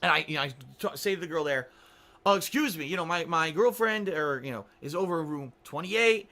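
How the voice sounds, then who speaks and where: A man's voice: on the high side, fairly quick, bright, forceful tone. A man telling an exasperated, sarcastic story as a vlogger, swearing and acting out the people he quotes. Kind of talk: angry storytelling rant.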